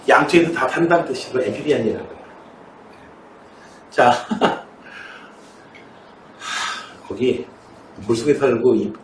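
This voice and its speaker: Male math teacher, chatty lecture, lively pitch, echoey room, distant mic, faint background noise. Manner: chatty, asks students questions often. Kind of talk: classroom lecture with storytelling. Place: academy classroom in Seoul.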